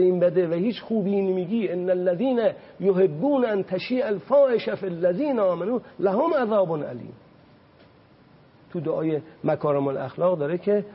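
A man speaking as a religious guest on a talk show, preaching with passion and slowly reciting Arabic quotations. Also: high voice, slightly rough, muffled recording. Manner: impassioned, rises sharply on points.

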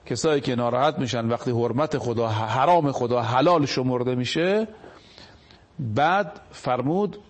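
Male religious speaker on a TV show, mid-pitch, slow scripture readings, rhetorical questions to viewers. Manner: reads Arabic scripture slowly, then paraphrases it. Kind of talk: televised religious talk.

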